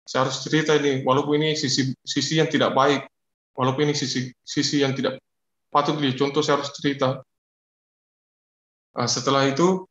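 A man giving an emotional personal faith testimony as a guest, speaking haltingly and repeating his phrases. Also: on the high side, a bit bright, roomy sound, muffled recording.

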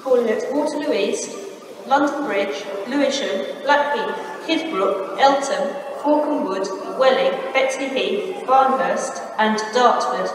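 Train station announcement, woman, slow and formal, slightly high voice, loudspeaker heard from far off in an echoing hall with noise. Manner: measured, even, formal delivery. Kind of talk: recorded departure announcement. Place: large railway station concourse. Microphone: station loudspeaker picked up from far off. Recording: echoey station hall, distant, noisy. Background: station ambience.

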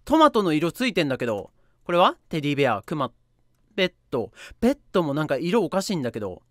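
A woman playing a game and talking through it, reading the on-screen text aloud, dropping to soft murmurs and then jumping up to sudden high squeals. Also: big pitch swings, fast, no echo, studio quality. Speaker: game streamer. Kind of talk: let's play commentary.

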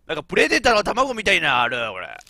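A man's voice: high-pitched, fast. A man with a giving chatty, laughing let's-play commentary as a game streamer. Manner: animated, chatty, laughs often, talks to himself.

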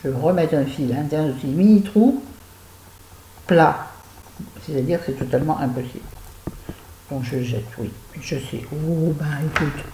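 A woman's voice: sits low, normal speed, long pauses, mellow. A woman chatting casually to her viewers as she reviews used-up beauty products, with wry, self-mocking asides. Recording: roomy echo, faint background noise.

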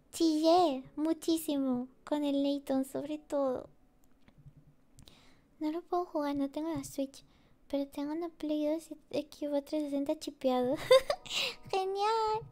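A woman streamer chatting casually with her viewers in a cutesy, giggly, sleepy and soft voice. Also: high voice. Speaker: VTuber streamer. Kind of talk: relaxed casual chat with viewers. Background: faint music.

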